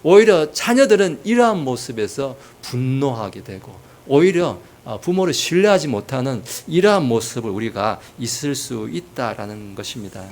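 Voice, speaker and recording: A male pastor delivers a sermon in a warm storytelling way, slipping humor and acted quotes into his points. His pitch rises and falls widely, lively from phrase to phrase. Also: normal speed, hardly any pauses.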